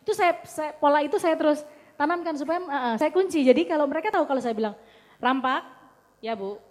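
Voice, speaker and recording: A woman's voice: high voice, fast. A woman, a mother and guest speaker, telling anecdotes to an audience and quoting her children in a firm, plain way. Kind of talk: casual talk to audience. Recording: long hall reverb.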